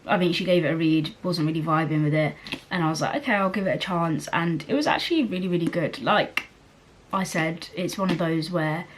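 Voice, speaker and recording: A woman's voice: on the low side, a little hiss or hum. A young woman chatting casually about books as a vlogger, rambling along with lots of fillers and laughs. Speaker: book vlogger. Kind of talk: casual chat.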